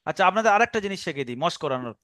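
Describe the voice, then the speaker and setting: A man's voice: on the high side, sing-song, racing, pushed and bright, dry recording, clean studio sound. A man teaching a Quran reading class over an online call, drilling pronunciation by repeating words.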